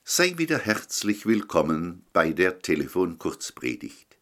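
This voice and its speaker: A man's voice: sits low, wildly swooping pitch, unhurried, fairly bright tone. A man preaching a short recorded telephone sermon, addressing the listener directly and pleading with them.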